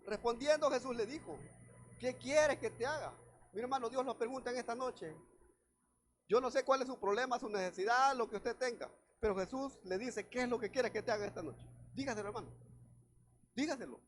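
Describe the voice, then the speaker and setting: A man's voice: extremely high pitch, fairly quick, slight background noise. A man preaching a sermon as pastor at a church service, reading scripture aloud and speaking directly to the congregation. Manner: preaches directly to the congregation, often calling out "hermano"; reads scripture aloud and then explains it.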